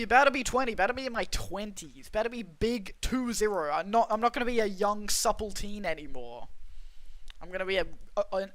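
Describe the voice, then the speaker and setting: A young Australian man streams and chats casually with his viewers, reading their chat in a rambling, self-interrupting way. His high voice is fairly bright, with no echo.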